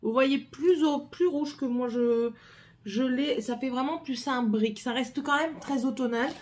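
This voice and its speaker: A woman's voice: high voice, a little slow, a little mellow. Chatty French woman doing a haul. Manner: chatty, lots of hesitations and repeats. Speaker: vlogger. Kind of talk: casual haul video chat.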